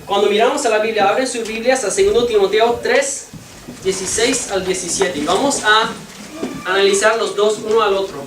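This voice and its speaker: The clip is a bilingual classroom lesson from a halting, medium-pitched teacher whose first language is English and who keeps searching for words while translating. Sound quality suffers from echo, a distant mic, and noise.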